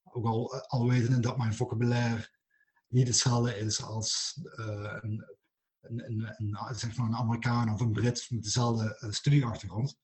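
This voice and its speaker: Slow, halting man who stutters. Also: medium pitch, level tone, darkish tone. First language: not English; writes in English. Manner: halting, stuttering, many restarts and fillers. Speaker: writer. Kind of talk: reflective conversation.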